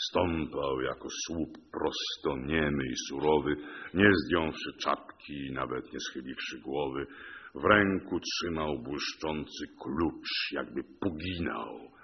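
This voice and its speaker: A man reciting epic verse in a measured, rhythmic narration. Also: very deep voice, husky, dull audio.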